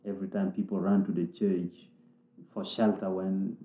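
A man from South Sudan, speaking in a thoughtful, halting way with restarts as he interviews people in a reflective conversation. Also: deep voice, level tone. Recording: echoey room, tinny phone-like sound.

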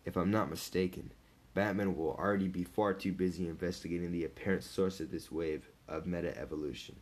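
A man reading the lines of a grave, commanding male alien hero in a low, gravelly, formal way. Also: fairly even intonation, a little fast, darkish tone.

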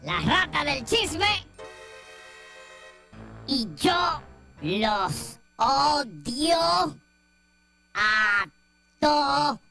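A squeaky, high, cranky rat who gossips and grumbles about everyone, as a woman acts her out in a Puerto Rican accent. Her pitch leaps all over as she complains, with music playing behind her in this radio comedy sketch. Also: big pitch swings, extremely slow, creaky, pauses often, bright, forceful tone, full character voice. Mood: grumpy gossip.

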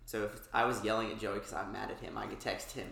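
A man in a casual group discussion who grows animated when making a point. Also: lowish voice, fast talker, gravelly. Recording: echoey room.

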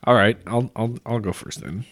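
A man's voice: lowish voice, moderate pace, fairly bright tone, dry recording, clean studio sound. A man co-hosting a podcast in casual comedic chat, setting up pun jokes dryly with hesitant fillers. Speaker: podcast co-host.

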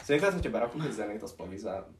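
A man's voice: fairly low pitch, very animated, distant mic. A young man with a mid-range voice banters loosely and tosses out rhymes with his co-host. He sits away from the mic in an echoey room, with a faint hiss underneath. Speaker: co-host of an internet radio show. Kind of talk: casual chat, improvised rhymes.

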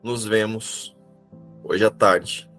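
A man calmly explaining a spiritual lesson and asking rhetorical questions, as a teacher would. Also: fairly low pitch, extremely slow, soft background music.

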